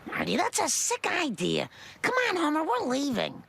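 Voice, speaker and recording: An actress voicing a patient, level-headed cartoon housewife with a gravelly, raspy voice who gently scolds her husband. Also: high voice, wildly swooping pitch, normal speed, heavy background noise, heavily acted. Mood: scolding. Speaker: cartoon wife.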